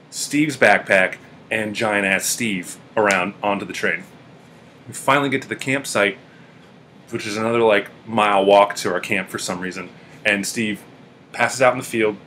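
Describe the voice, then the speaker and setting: A man's voice: on the low side, sharp tone, a little hiss or hum. Laid-back young man telling stories. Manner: laid-back, amused, with filler ums and uhs. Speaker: friend giving a video tribute. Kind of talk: casual storytelling to camera.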